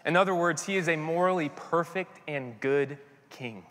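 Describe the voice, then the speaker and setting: A man preaching a sermon and reading scripture slowly and earnestly, his phrase endings dropping soft and quiet. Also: a little high, long reverb tail. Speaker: pastor.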